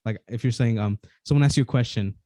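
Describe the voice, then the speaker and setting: A man from Mexico, talking casually on a podcast in a relaxed, hesitant way with many restarts. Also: medium pitch, quick pace, no echo.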